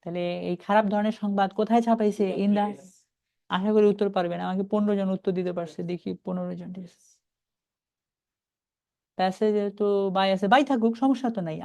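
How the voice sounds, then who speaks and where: Man, online reading teacher, chatty, calls out names, reads English slowly phrase by phrase. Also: high-pitched, a little mellow. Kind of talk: live online class.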